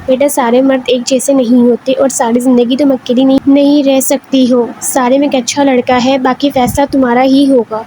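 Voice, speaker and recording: A kind, soft-spoken older father from a spoken storybook, coaxing and gentle, as a woman reader puts him on. The voice sits high. A faint hiss runs underneath. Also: level tone, hardly any pauses, lightly acted.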